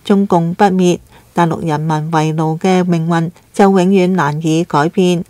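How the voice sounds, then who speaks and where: A woman narrating a scripted news commentary in a steady, even reading delivery. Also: fairly low pitch, unhurried, dry recording.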